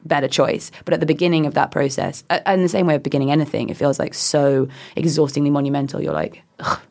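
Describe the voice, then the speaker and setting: Woman, modern British RP accent, low voice, casual reflective talk, self-deprecating, hesitant. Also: fast talker, dark tone. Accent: British Received Pronunciation. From England. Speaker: interview guest.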